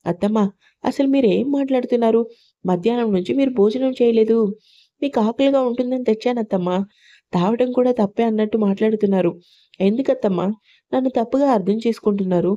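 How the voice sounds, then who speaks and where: A woman doing a gentle pleading young daughter-in-law. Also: fairly high pitch, fast talker, natural voice. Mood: hurt pleading. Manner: pleading, soothing. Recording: dull lo-fi recording.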